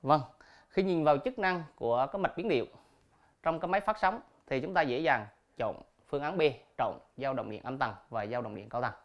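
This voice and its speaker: A male teacher with a mid-range voice takes his students through a recorded quiz. He reads each question and its options aloud slowly and clearly, pauses, then explains the answer step by step. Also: medium pitch, animated, muffled recording. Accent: Vietnamese. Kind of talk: recorded classroom quiz lesson.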